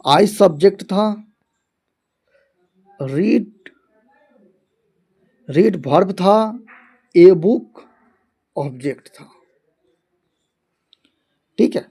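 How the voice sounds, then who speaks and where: A man teaching English grammar in an online lesson, going over each point again and again and reading his example sentences out slowly, word by word. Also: high voice, animated, creaky, dark tone, husky.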